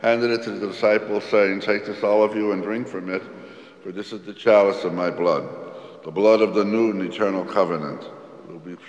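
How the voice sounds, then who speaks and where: A man leads the liturgy in a low, solemn voice, reciting each prayer at a steady, measured pace. His words ring out with a long cathedral echo, as in a large, roomy church. Each phrase hangs in the air of the hall. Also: dull audio. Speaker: priest. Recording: long echoey church reverb.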